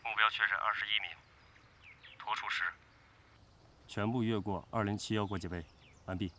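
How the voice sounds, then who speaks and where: An actor playing a disciplined army scout in a TV drama, giving clipped, procedural reports. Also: male voice, on the low side, steady tone, moderate pace, bright, forceful tone, slight background noise. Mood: businesslike, focused. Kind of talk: military TV drama dialogue.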